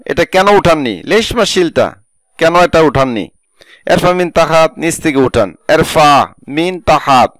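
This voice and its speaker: A man with a Bangladeshi Bengali accent giving a spoken Arabic language lesson, repeating each phrase slowly and then translating it. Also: a little high, fairly bright tone, dry recording. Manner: slow repetition of phrases with translations.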